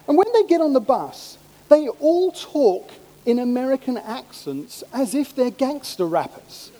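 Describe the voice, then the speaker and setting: Man preaching, mellow tone, lively up and down delivery, church hall echo. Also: extremely high pitch, unhurried. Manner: humorous, animated storytelling with mimicked voices. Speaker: pastor. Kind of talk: sermon. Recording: long hall reverb.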